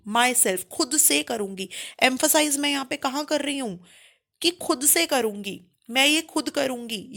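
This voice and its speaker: Young woman teacher, kinda high voice, patient, keeps asking if you got it, says examples real slow. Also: a bit bright. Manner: explains patiently, checks in with "ठीक है?"; slow, spelled-out English examples. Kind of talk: Hindi-English grammar lesson.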